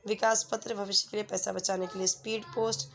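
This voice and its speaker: A woman's voice: medium pitch, little pitch movement, brisk, background noise. A woman teacher, patiently walking students through a workbook lesson with everyday example sentences. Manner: patient, repeats "ठीक है" often, gives everyday example sentences.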